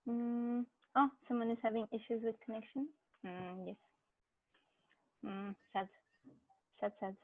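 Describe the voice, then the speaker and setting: A woman's voice: a little high, steady tone, a little slow, long pauses. A woman teaching an online movement class, her voice muffled as if heard through a wall by bad headphones. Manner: friendly, hesitant, frequent fillers and small laughs. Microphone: cheap headphone mic on a video call. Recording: muffled tinny video call through cheap headphones.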